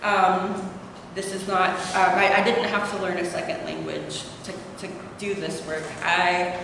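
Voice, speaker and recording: A doctoral student speaks a little slowly in a fairly low, level voice while presenting her research informally. She is young, with an Appalachian accent, and fills her pauses with hesitations. The recording comes from a distance in an echoing lecture hall with noise.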